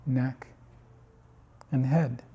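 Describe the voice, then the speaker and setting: In this body scan meditation, the guide is a man whose mid-range voice sounds a little husky. He delivers brief phrases slowly and calmly, leaving long silences between them.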